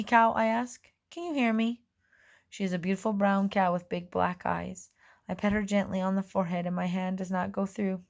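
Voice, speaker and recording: A woman narrating a children's storybook in the first person, in a gentle, measured way. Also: mid-range voice, creaky. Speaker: audiobook reader.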